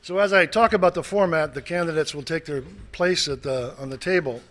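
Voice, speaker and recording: A man's voice: a little high, fairly quick, fairly bright tone. A man moderating a candidate forum in a meeting hall, reading out the rules with small asides. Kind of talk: formal announcement of rules.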